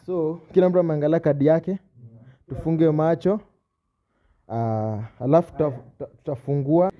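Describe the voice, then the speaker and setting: Kenyan guy running a party game, tells players what to do, bit high voice, dull audio. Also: normal speed. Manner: calls out instructions to players. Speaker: host and moderator of a party card game. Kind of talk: casual game hosting in a group.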